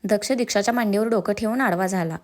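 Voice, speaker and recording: A woman reading a romantic story aloud as a channel storyteller, in an even, smooth manner. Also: medium pitch, quick pace. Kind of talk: scripted story narration.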